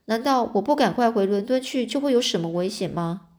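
A woman's voice: a little high, expressive, brisk, a little mellow, natural voice. Earnest male doctor, plain and questioning, read by a woman narrator, storybook style. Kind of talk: storybook reading.

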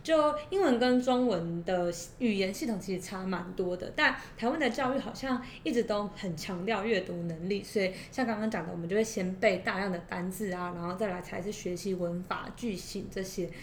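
Taiwanese accent woman chatting as co-host, medium pitch, echoey room w/ a bit of noise. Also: fairly quick, few pauses. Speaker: podcast co-host. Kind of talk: conversational educational discussion. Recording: roomy echo, faint noise and rumble.

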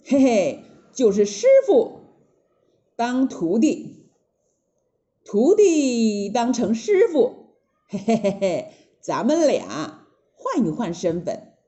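A woman voicing a cocky male monkey king who gives brisk, raised commands. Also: on the high side, big pitch swings, warm tone. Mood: sly.

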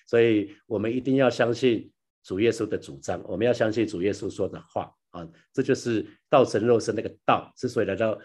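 A man giving a devotional Bible teaching, often repeating his phrases and adding soft tag particles. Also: lowish voice, slightly rough. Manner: repeats phrases, ends lines with soft 哈 and 啊 tags; addresses listeners as brothers and sisters. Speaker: pastor sharing a daily devotional.

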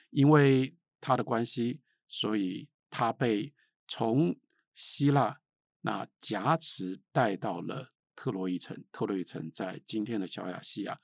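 Middle-aged guy lecturing about literature, raspy gravelly voice, asks himself questions and answers them. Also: medium pitch, no echo, clean studio sound. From Taiwan. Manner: emphatic, rises and falls sharply, rhetorical questions.

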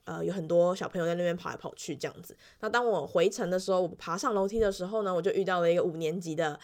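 A woman's voice: fairly low pitch, fast. Chatty young Taiwanese-accented woman. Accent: Taiwanese Mandarin. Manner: chatty, animated storytelling with frequent laughs and fillers. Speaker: elementary school music teacher. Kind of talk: casual weekly vlog storytelling.

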